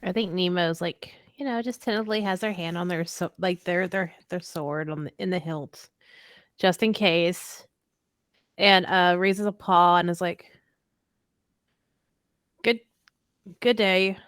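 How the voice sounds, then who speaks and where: Low-voiced woman playing a tabletop game. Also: moderate pace, a bit bright, no echo, clean studio sound. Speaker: player. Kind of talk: tabletop role-play.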